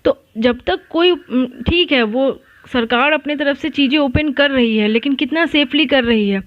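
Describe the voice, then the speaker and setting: A woman's voice: sits high, unhurried, no room sound, highs cut off. A woman educator talking casually and reassuringly to exam students, often restarting and correcting herself mid-sentence. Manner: reassuring, chatty, frequent restarts and self-corrections. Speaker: online exam-prep educator. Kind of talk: casual advice talk to students.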